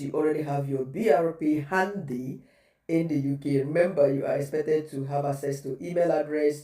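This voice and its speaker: A man's voice: on the high side, warm tone. A man giving a patient step-by-step how-to guide, repeating each step as he walks viewers through it. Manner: patient instructional, repeating steps. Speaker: tutorial host. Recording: echoey room, distant mic.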